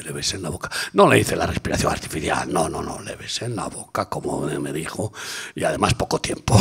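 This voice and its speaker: An older man from Spain, preaching a sermon as a pastor, swinging between loud emphatic calls and hushed, near-whispered asides. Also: mid-range voice, breathy edge.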